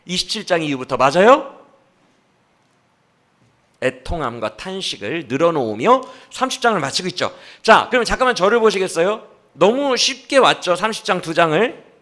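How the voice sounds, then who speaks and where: A male pastor preaching a sermon at a church service, animated and asking the congregation questions as he acts out the speaker's complaints. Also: high-pitched, moderate pace.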